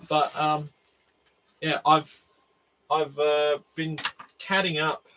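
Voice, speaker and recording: An Australian man with a nasal voice hosts a casual livestream from his home workshop on a cheap USB mic, thinking aloud and rambling with frequent restarts. His voice is a little high and sharp, delivered flatly at a slow pace. The audio is poor, with slight background noise.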